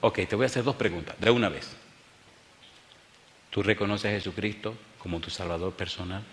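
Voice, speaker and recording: A man preaching a sermon as a pastor, telling stories with bursts of excitement and hushed quiet moments before a live congregation. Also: on the low side, brisk. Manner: animated storyteller, swings from excited outbursts to hushed tones. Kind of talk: sermon with storytelling. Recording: echoey hall, faint background noise.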